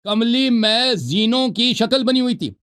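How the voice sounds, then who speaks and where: A man hosting a call-in show, arguing a religious debate forcefully, reading out passages and talking over his opponent. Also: extremely high pitch, animated, clear, resonant tone. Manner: combative, talks over the caller, reads out book passages. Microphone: online call.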